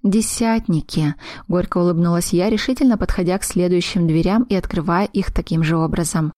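A woman narrating a first-person fantasy audiobook, voicing each character's lines slowly and deliberately. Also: lowish voice, mellow, dry recording, studio quality.

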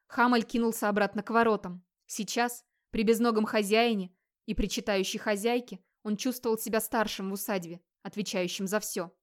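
A woman narrating a dramatic audiobook in a steady storytelling voice. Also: mid-range voice, fairly quick.

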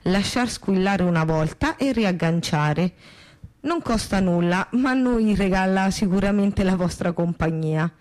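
A woman hosting a radio show, making measured on-air announcements and repeating phone numbers carefully. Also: mid-range voice, lively intonation, darkish tone. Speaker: radio host. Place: radio studio.

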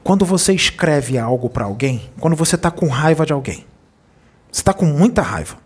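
Husky man giving an admonishing spiritual talk. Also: a little high, very animated, normal speed. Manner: admonishing, asks many rhetorical questions. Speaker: spiritual medium. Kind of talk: channeled spiritual sermon.

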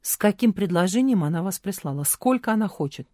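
A woman reading an audiobook, voicing a cold, haughty, suspicious secretary who speaks curtly and slowly. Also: mid-range voice, expressive, darkish tone, dry recording, studio quality, natural voice. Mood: haughty, mocking.

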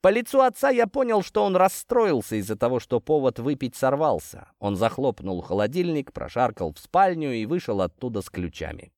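A man narrating a first-person fantasy audiobook in an expressive storytelling manner. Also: mid-range voice, moderate pace, hardly any pauses, no echo, clean studio sound.

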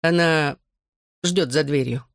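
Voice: mid-range voice, slow, gravelly, dry recording, clean studio sound. A reader voicing a boy's best friend who laughs and teases him. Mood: teasing. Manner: amused, teasing. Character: teasing teenage best friend, boy.

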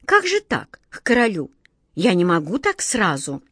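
A woman's voice: mid-range voice, wildly swooping pitch, moderate pace, a bit bright, slightly rough, dry recording, studio quality, full character voice. Woman doing a flustered little girl. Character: flustered, clumsy young girl.

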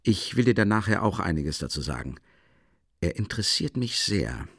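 A man voicing a calm, firm male doctor who speaks in a measured, concerned way. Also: fairly low pitch, breathy edge, no echo, studio quality, full character voice.

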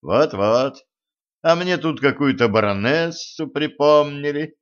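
A man's voice: fairly high pitch, animated, slow pace, muffled recording, voice pushed up. A man voicing a cocky young trainee fighter who talks in a wry, teasing, cheerful way, close to his own voice.

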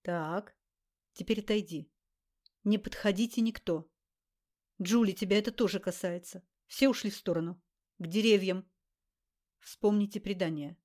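A woman voicing a calm, firm village woman who speaks softly and gives short orders. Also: medium pitch, normal speed, long pauses, lightly acted. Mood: steady. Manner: calm, then curt orders.

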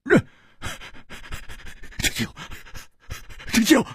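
A man's voice: drawn-out words, fairly bright tone, a little hiss or hum. A man voicing a poisoned young man who stammers and falls to whispers in disbelief. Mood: dazed. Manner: stammering, faltering, trailing into whispers.

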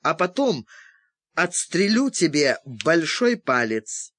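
A man voicing a grim, hot-tempered male agent who talks slowly and low through clenched teeth. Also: sharp tone, dry recording, clean studio sound. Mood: menacing.

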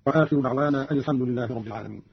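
A man presenting formal radio commentary on Quran readings, speaking briskly in an explanatory manner. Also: medium pitch, vocal fry, breathy edge. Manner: brisk explanatory delivery, slowing to chant quoted verses. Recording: dull old radio broadcast recording.

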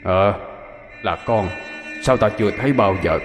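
A man playing an old male household earth god who speaks gravely and measuredly. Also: fairly low pitch, a little slow, big-room sound, music in the background, close to an everyday voice.

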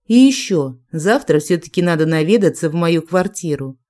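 A reader voicing a cautious young male inquisitor with a wry manner, in a calm, steady audiobook reading. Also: on the high side, moderate pace, natural voice.

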